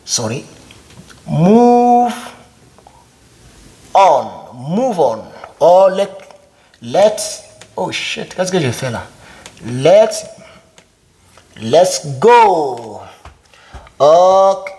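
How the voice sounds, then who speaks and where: A man's voice: a little high, sing-song, extremely slow, long pauses, mellow. A young man giving a casual video lesson, repeating words over and over to drill pronunciation and speaking straight to the viewer. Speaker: English teacher.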